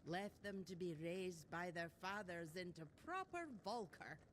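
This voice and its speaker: A woman's voice: on the low side, very animated, unhurried, a little hiss or hum. Merry, swooping older village shopkeeper woman. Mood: nostalgic, frank. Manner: teasing, folksy, chuckling storyteller. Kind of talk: video game character dialogue.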